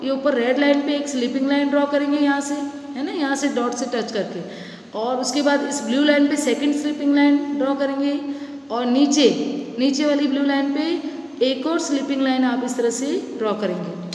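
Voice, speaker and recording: A woman's voice: high voice, normal speed, darkish tone. A woman with an Indian accent teaching small children to write a letter, patiently repeating each step and mixing simple English phrases into her instructions. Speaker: nursery teacher. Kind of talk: children's handwriting lesson. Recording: echoey room with long reverb, faint ambience.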